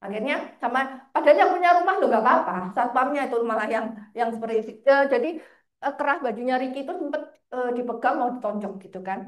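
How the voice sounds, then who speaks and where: High-voiced woman telling lively stories. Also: fast talker. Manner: lively anecdotes, often laughing. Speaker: financial planner guest. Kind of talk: casual storytelling interview. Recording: roomy echo.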